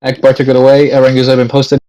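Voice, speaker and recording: A man's voice: mid-range voice, completely flat delivery, warm tone, no echo, muffled recording. A man chatting casually with study partners over a bad online connection. His voice keeps dropping out in choppy gaps. The sound is dry and close, with no room around it. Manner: reads passages aloud haltingly. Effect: choppy cutting-out internet call. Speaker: student in a study call. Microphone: computer or phone mic on an online call.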